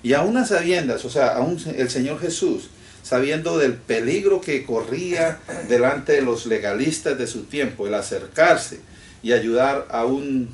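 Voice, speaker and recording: Male preacher, animated sermon delivery, recorded from a distance in a reverberant church. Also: medium pitch, measured pace. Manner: animated preaching, addresses listeners as brothers. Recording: echoey room from far off with faint noise.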